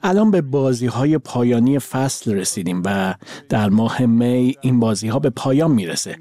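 A man voicing a translation over a guest's words, with a measured, even delivery. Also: mid-range voice, no echo. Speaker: voice-over interpreter.

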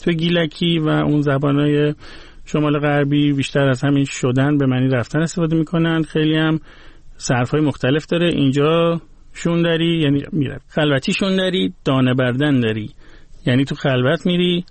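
A man's voice: a little high, steady tone, a little mellow, dry recording. A man talking on a radio program, patiently explaining word origins one by one. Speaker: guest expert on languages.

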